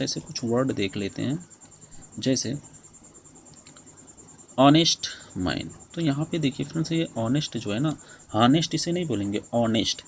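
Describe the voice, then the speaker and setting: A young man teaches English grammar in Hindi, addressing his viewers as friends again and again. His voice has a gravelly edge of vocal fry and stays at a middle pitch. A faint hum of noise and chirping insects sits behind him. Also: darkish tone, low-quality recording. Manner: repeats "friends" often, explains slowly; reads English rules slowly and deliberately.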